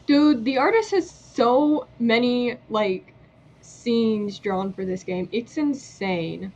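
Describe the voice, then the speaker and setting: A woman's voice: fairly high pitch, animated, takes it slowly, mellow, highs cut off. A woman giving informal gameplay commentary and reading dialogue choices aloud in a conversational way. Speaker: gamer playing on stream or video.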